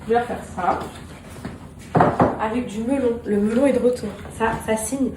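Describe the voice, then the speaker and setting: Chatting casually to her camera in a home kitchen, a woman vlogger warmly confides in viewers she calls pets, turning soft and tender when she speaks to her children. Her slightly high voice moves at a moderate pace and sounds roomy and far from the mic, with household noise clearly audible behind her.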